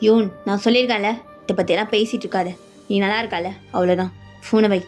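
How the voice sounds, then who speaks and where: A woman's voice: mid-range voice, fairly even intonation, fast talker, a little mellow, faint music behind, natural voice. A woman voicing an evasive, dismissive middle-aged father. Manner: dismissive, firm.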